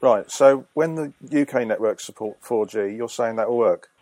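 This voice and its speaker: A man's voice: medium pitch, moderate pace, a little mellow, no room sound. A man with a mid-range voice makes a complaint call as a customer. He is insistent, asks pointed questions and corrects what he is told. The sound is dry and close. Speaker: customer phoning a company.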